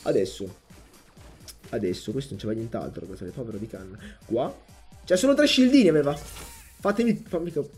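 A young man commentating his own gameplay as a channel host, excitable and jokey, jumping between loud outbursts and low muttering. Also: fairly quick, pauses often, faint music behind. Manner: jokey, sings and mocks opponents. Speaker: gaming YouTuber.

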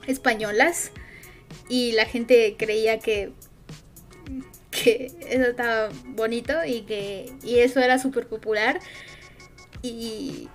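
Chatting casually on a stream, a woman with a Mexican accent rambles hesitantly and uses lots of fillers. Her voice is a little high.

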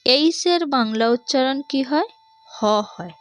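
Bangladeshi woman, patient teacher of young kids, higher voice, dry close recording. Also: measured pace, dry recording, faint music behind. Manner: patient, repeats each point and asks the class questions. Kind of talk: explaining an English reading lesson to young children.

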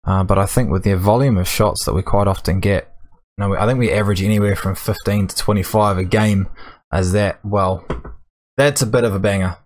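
A man's voice: on the low side, steady tone, brisk, a little mellow. A man, giving casual, dryly grumbling commentary while playing a game. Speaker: gaming video host. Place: small room at home, indoors.

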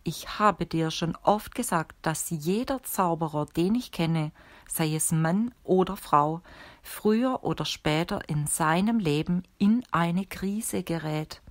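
Woman reading as an old male sorcerer, stern, instructive, measured, lowish voice, dry audiobook sound. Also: no room sound.

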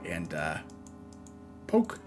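A man's voice: rumbling low, huge pitch swings, drawn-out words, soft background music. A man giving casual, chatty gameplay commentary, talking to himself and laughing often. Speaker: let's play gamer.

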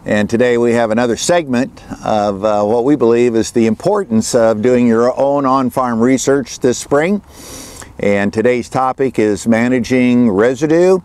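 A farmer from Western Illinois, kneeling outdoors in an open field, explains his field trial in a plain, halting way with many fillers and repeats. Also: mid-range voice, darkish tone, smooth. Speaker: farmer presenting on-farm research. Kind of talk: informal field demonstration to camera. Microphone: camera at a few meters, kneeling speaker.

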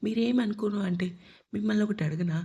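A woman reading the part of a worried, tearful middle-aged mother in an audio storybook, with a soft, pleading delivery. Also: medium pitch, fairly quick, creaky, breathy edge. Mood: sorrowful.

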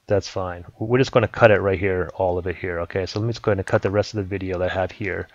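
A man casually explaining a video editing program step by step, in a relaxed way. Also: sits low, quick pace, lo-fi sound, loud music behind the voice. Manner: relaxed step-by-step explaining, repeats "let me go ahead". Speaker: software tutorial host. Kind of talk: casual screen-recording tutorial.

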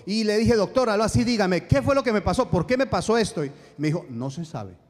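A man's voice: high-pitched, quick pace, in a large hall. A man preaching a sermon, telling a personal story and acting out the dialogue, with emphatic rhetorical questions.

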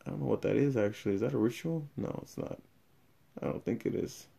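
Opening packs of collectible cards, a young man rambles through a casual unboxing review, thinking out loud. He talks fast in a gravelly, dark, mid-range voice. The camera mic is set at an awkward angle, so his level fades in and out as he moves about.

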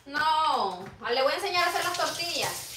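High-voiced woman chatting in a kitchen. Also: big pitch swings, normal speed, background noise. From El Salvador. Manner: chatty, reads viewer comments aloud. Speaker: vlogger. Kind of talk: casual live-stream chat while cooking. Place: home kitchen, indoors. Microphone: phone camera close-up.

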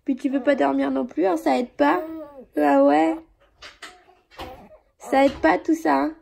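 Young mum vlogger with a cold, raised pitch, fry in the voice, rambling and chatty, often going soft. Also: female voice, fairly even intonation, a little slow. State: sniffling with a cold. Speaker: vlogger, mother of two young boys. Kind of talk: casual chatty home vlog.

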